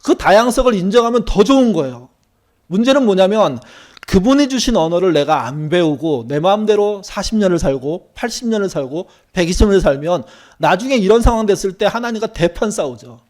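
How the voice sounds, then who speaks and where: A man's voice: high voice, lively intonation, brisk, a little mellow. A middle-aged male pastor giving a conversational sermon, acting out quoted lines from church members and his wife. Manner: conversational preaching with acted-out quotes.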